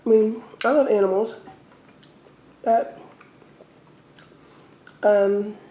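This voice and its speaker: Mellow woman chatting in an echoey room. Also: mid-range voice, steady tone, extremely slow. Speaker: mukbang host. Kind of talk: casual storytelling while eating. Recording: roomy, echoey indoor sound.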